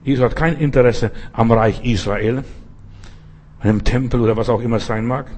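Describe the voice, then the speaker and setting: A man's voice: medium pitch, fairly even intonation, normal speed, a little mellow. A man preaching a sermon, emphatic and speaking directly to the listener. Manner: emphatic, talks straight to the listener.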